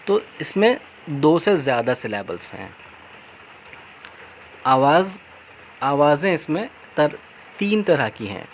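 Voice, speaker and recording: A man's voice: medium pitch, a little hiss or hum. A male school teacher with an Indian English accent, explaining grammar patiently and repeating key words. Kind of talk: recorded grammar lesson over slides.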